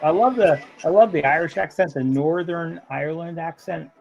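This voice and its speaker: A man's voice: a little high, normal speed, vocal fry, darkish tone. An enthusiastic man gushing in a casual group video chat, heard over dull, lo-fi audio.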